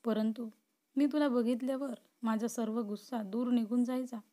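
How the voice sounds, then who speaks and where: A woman's voice: fairly high pitch, steady tone, moderate pace, dark tone, close to an everyday voice. A woman voicing an obsessive, possessive young man who swings between pleading and threatening in a storybook reading. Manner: pleading then threatening, intense.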